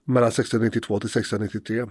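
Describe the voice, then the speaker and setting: A man's voice: fairly low pitch, little pitch movement, a little mellow, slightly rough, no room sound, clean studio sound. A man from Sweden hosting a casual podcast chat about places, talking in a hesitant way with frequent fillers and restarts. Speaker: podcast host.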